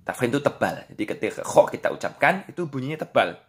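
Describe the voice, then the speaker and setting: A man's voice: mid-range voice, big pitch swings, fast talker. A man with an Indonesian accent teaching Quran letter pronunciation, patiently explaining and then drilling syllables aloud. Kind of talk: slow instructional lesson with drills.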